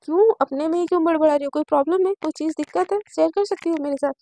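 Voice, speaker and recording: A woman's voice: very high-pitched, racing, mellow. A woman voicing a stern young female teacher who scolds and lectures her students. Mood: concerned. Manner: strict, scolding.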